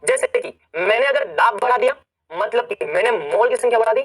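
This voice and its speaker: High-voiced Indian man teaching chemistry. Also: expressive, fairly quick, a bit bright, far from the mic, low-quality recording. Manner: keeps checking students follow, repeats key points; mixes English science terms into speech. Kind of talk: classroom lecture to students.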